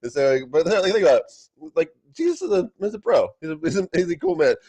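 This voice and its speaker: A man's voice: high-pitched, huge pitch swings, quick pace, warm tone, breathy edge. A man in a casual vlog, rambling through a Bible passage while eating and repeating words. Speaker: vlogger.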